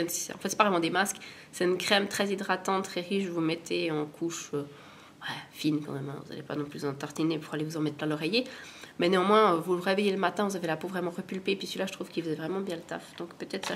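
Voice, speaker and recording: Woman, low-pitched, slightly stuffy from a cold, rambling casual chat, faint hiss behind. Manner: chatty, rambling, self-deprecating. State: has a cold. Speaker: beauty vlogger. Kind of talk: casual product review chat.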